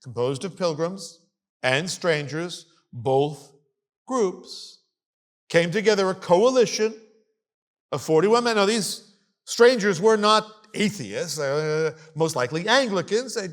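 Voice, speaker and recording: A man giving a sermon-style history lesson to a congregation, emphatic and animated, with wry asides, reading a document aloud and commenting on it. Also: high-pitched, slow. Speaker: congregation teacher. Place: congregation meeting hall.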